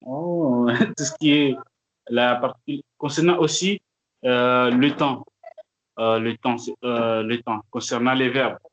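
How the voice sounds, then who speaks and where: A male student answers over a video call, groping for words and restarting his sentences. His pitch is middling, and the audio is a little dull. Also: fairly even intonation, slow pace. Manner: searching for words, hesitant. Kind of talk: answering in class.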